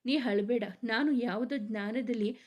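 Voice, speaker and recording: A woman voicing a gentle, soothing middle-aged mother who is unwell, in a storybook reading. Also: fairly high pitch, moderate pace, lightly acted.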